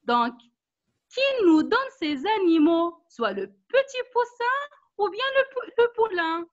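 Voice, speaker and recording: Very high-pitched patient woman teacher. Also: expressive. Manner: slow, patient, encouraging, repeats instructions. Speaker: primary school teacher. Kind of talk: online class for young children. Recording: dull lo-fi online call audio.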